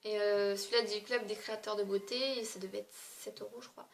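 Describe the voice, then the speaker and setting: A woman's voice: mid-range voice, fairly even intonation, a little fast, slight background noise. A woman beauty vlogger chatting casually through a product review, talking loosely with frequent fillers and small hesitations.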